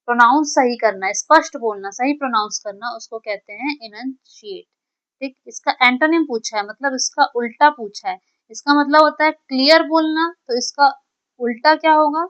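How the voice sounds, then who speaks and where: Female vocab teacher, higher voice, smooth and clear, patient repeater, slightly lo-fi recording. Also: a bit bright. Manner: explains each word slowly, repeating it and asking "what does it mean?"; keeps checking in with "ठीक है" and "है ना". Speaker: English teacher. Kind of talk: exam-prep vocabulary lesson.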